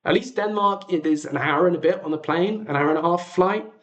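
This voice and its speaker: A man with a slightly high voice talks fairly quickly as he hosts a livestream from an improvised setup in an echoey, untreated room at home. An audio drama creator, he chats casually, rambling and running himself down.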